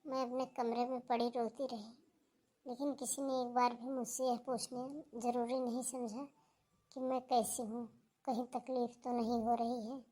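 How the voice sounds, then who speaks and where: Grieving young wife, aggrieved and flat-voiced, acted by a woman. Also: a little high, moderate pace, close to an everyday voice. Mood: hurt. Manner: hurt, complaining recount. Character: grieving young married woman, hurt and complaining. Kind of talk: animated cartoon voice acting.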